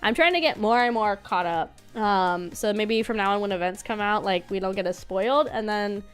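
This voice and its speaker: A woman's voice: mid-range voice, moderate pace, clean tone, faint music behind. A woman game streamer chatting casually and playfully, with a cute, bubbly anime-streamer delivery. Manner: playful, chatty, repeats words. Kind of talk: casual livestream chat.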